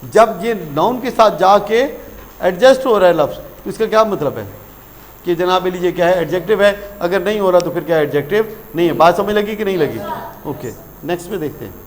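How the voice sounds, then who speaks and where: A man's voice: high voice, brisk, a little hiss or hum. A male teacher giving a classroom grammar lesson, quizzing the class with questions and repeating the key terms, and calling the students "beta.".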